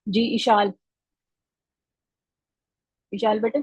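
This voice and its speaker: A woman's voice: mid-range voice, level tone, extremely slow, slightly rough, no room sound, poor audio. A woman teaching children in an online class, patient and encouraging, repeating each answer back to them.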